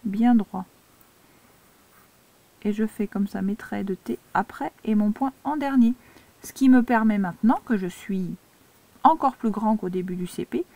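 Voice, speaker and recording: Institutrice patiente, voix douce et grave. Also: female voice, mid-range voice, mellow, dry recording. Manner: slow, patient step-by-step instruction. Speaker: primary school teacher. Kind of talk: handwriting lesson for young children.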